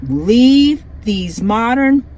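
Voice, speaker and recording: High-pitched lady ranting on her vlog, scolding and fired up, keeps repeating herself. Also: expressive, drawn-out words, dark tone, low-quality recording. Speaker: vlogger. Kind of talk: heated rant to camera.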